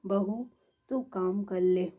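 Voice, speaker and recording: A woman's voice: medium pitch, fairly even intonation, takes it slowly, dark tone, muffled recording. Woman voicing a nagging old mother-in-law. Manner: chiding, questioning.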